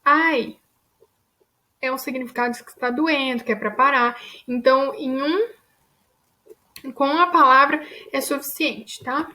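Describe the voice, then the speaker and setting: A woman's voice: sits high, fairly even intonation, normal speed, sharp tone. Woman teaching a grammar lesson. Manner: explanatory, checks in with frequent "tá?" and "ok?".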